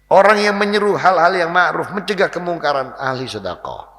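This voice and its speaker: A man preaching a lively, joking sermon in a mosque, often addressing his listeners directly. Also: fairly high pitch, brisk. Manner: lively, jokey, animated, addresses audience as Pak. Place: mosque hall. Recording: long hall reverb.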